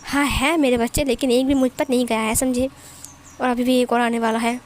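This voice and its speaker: A woman voicing a stern, exasperated young father who scolds in quick, blustery bursts. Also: very high-pitched, flat delivery. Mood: scolding.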